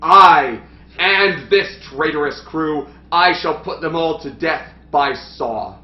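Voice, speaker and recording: A man's voice: fairly high pitch, slow. A man playing a pompous scheming old king. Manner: mock-Shakespearean, laughing through lines. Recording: roomy lo-fi stream audio with game music.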